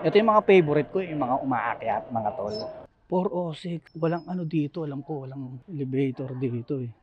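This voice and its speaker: A man's voice: fairly high pitch, lively intonation, normal speed, dull audio, background noise. A man from the Philippines, a delivery rider vlogging casually to his viewers while out on the streets, laughing often, apologizing with a joke, and tagging his sentences with little questions. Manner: chatty, laughs often, keeps adding tag questions; apologetic, joking asides.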